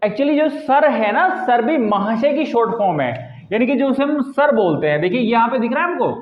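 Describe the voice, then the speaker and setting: A man's voice: extremely high pitch, lively intonation, moderate pace. A man teaching a lesson to camera in a patient manner, often tagging his sentences with a checking "right?". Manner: patient, repeats "ठीक है ना" as a filler tag. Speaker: English teacher. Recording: echoey room, tinny phone-like sound.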